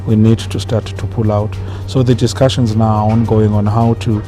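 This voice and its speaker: A man giving unscripted interview remarks as an official, halting and measured, repeating phrases. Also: fairly low pitch, flat delivery, warm tone. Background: prominent background music.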